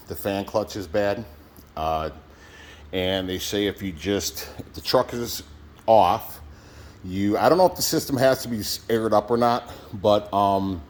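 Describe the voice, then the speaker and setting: A man with a lisp and whistling s from new braces, giving a casual, plain-spoken and unsure how-to narration as he works. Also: medium pitch. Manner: plain-spoken, unsure, hedging first-timer. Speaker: DIY truck mechanic vlogger.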